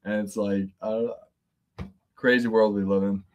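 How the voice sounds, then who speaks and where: A man co-hosting a casual sports podcast, excitable, laughing often and repeating words. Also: fairly low pitch, a little slow, muffled recording. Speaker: podcast co-host.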